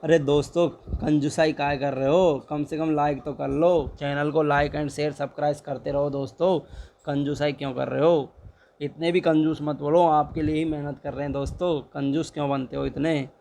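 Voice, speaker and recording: Young male tutor, fairly high voice with a faint hiss behind, talks viewers through exam answers in a casual, repetitive way. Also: flat delivery, normal speed, vocal fry, mellow. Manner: chatty, repeats answers, urges viewers to like. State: dry throat.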